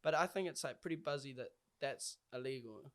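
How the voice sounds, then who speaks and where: A man with a New Zealand accent, a hip-hop artist appearing as a podcast guest, chats casually and informally with lots of slang. His voice is medium-pitched, brisk and a bit bright.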